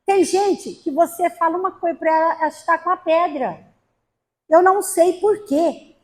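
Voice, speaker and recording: Brief: high-pitched woman lecturer from Brazil, humorous storyteller. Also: normal speed, darkish tone. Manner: storytelling with acted quotes and humor. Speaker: spiritist lecturer. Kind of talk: spiritist talk to a gathering. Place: spiritist center hall.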